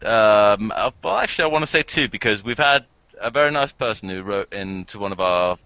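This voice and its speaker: The host of a channel, a man with an English accent, leads a casual group video call in a smooth, lowish voice, moving briskly with lively intonation. He laughs a lot and rambles with plenty of fillers. The recording is dry, with dull lo-fi call quality.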